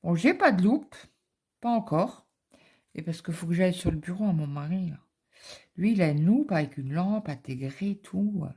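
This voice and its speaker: A woman's voice: lowish voice, animated, moderate pace, mellow, breathy edge. A middle-aged woman, chatting casually and rambling through a story while she stitches in her home office. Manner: rambling anecdotal storytelling with many fillers. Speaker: cross-stitch vlogger.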